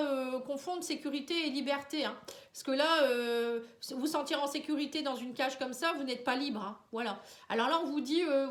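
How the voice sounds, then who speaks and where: Tired and congested with a head cold, a tarot and oracle card reader gives a casual horoscope reading to camera in a high voice. She addresses the viewer directly, ending lines with checks like "hein" and "vous voyez," and the room sounds roomy and resonant.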